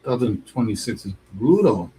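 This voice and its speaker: A man's voice: medium pitch, sing-song, normal speed, warm tone, a little hiss or hum, rough recording. A middle-aged man hosting a live stream as an artist, chatting in a rambling, casual way and laughing often.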